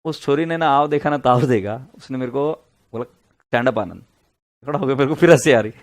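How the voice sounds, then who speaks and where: A man's voice: medium pitch, fast talker. A middle-aged man giving a casual classroom lecture, telling stories and joking with his students. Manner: chatty, joking, mixes Hindi and English. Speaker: accounts lecturer.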